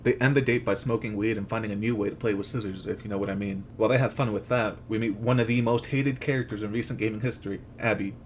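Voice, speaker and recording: Fast-talking man on a sarcastic comedy rant. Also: lowish voice, steady tone, slight background noise. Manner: sarcastic, crude, slangy joking. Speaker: host. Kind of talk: comedic rant recap of a video game, scripted narration.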